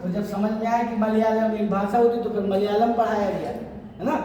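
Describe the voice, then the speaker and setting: A man's voice: sits high, steady tone, brisk, crowd noise. A man teaching a biology revision class, asking his students questions and checking they follow, with homely everyday comparisons. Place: large echoing classroom. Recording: echoey hall recorded from far off.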